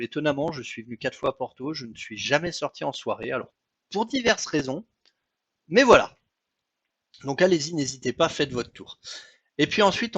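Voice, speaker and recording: A man's voice: on the high side, a bit bright, slightly rough, no echo. A man with a French accent narrating a travel slideshow in a chatty, hesitant, apologetic way. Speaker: travel vlogger. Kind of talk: casual travel commentary over photos.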